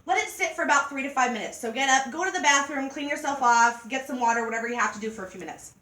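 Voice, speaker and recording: A woman giving a joking, animated sales demonstration to a group of women. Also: high voice, fast talker. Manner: chatty, joking, animated storytelling. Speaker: party product consultant. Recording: echoey room from far off.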